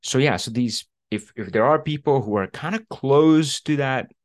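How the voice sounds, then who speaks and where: A career coach with an ordinary mid-range voice talks at normal speed in a relaxed online coaching session on a video call. He uses many fillers and keeps asking "right?" along the way. The audio is close and dry with no echo.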